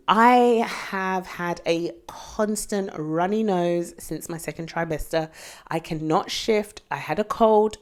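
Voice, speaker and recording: A young British woman, pregnant and often out of breath, candidly chatting to camera in a casual vlog. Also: deep voice. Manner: chatty, candid, with frequent fillers. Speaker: vlogger.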